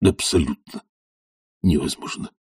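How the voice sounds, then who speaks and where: A man voicing an older professor who grumbles and mumbles with weary, short-tempered gruffness. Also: low voice, animated, a little slow, mellow, dry recording, studio quality, full character voice. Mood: gruff.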